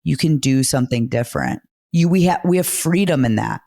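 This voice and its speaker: A woman's voice: a bass voice, lively intonation, a little fast, vocal fry, mellow. A woman co-hosting a podcast in casual, heartfelt chat, effusive and emphatic, often repeating her phrases. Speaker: podcast co-host.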